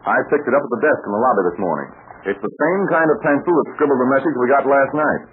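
An actor playing a steady, wry adult adventurer in an old radio serial, speaking matter-of-factly on a vintage recording. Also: male voice, medium pitch, fast, lightly acted. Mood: explaining. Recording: tinny narrow-band old radio recording, noisy.

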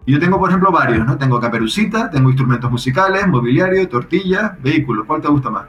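A man casually explaining how his software works, thinking aloud with frequent restarts. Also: on the high side, expressive, fast, reverberant, lo-fi sound, soft background music. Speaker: software developer guest.

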